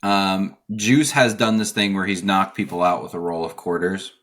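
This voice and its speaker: A man's voice: low-pitched, steady tone, moderate pace, a bit bright. A man co-hosting a podcast, talking casually, laughing often and working through his notes. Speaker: podcast co-host.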